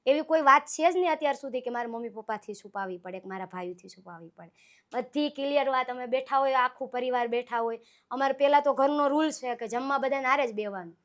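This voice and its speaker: A woman, talking as a guest singer in a relaxed interview. Her voice sits high, and her manner is sincere and heartfelt as she tells her stories. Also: fast talker. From Gujarat, Saurashtra. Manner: earnest, heartfelt, storytelling. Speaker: guest, devotional folk singer. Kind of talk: casual interview conversation.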